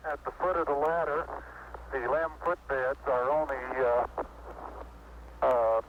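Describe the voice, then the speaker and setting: A man, an astronaut, giving halting, measured reports over a crackly space radio transmission, pausing often. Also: on the high side. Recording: noisy, muffled radio downlink.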